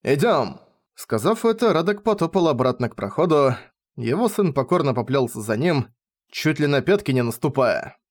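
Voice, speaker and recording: A man narrating a fantasy novel as an audiobook reading, in lively first-person storytelling. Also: on the high side, moderate pace.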